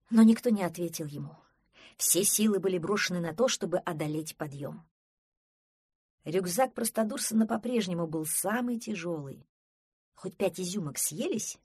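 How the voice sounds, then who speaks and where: A woman narrating a children's storybook in a lively, expressive reading. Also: lowish voice, breathy edge, no room sound, clean studio sound. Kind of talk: storybook reading with character voices.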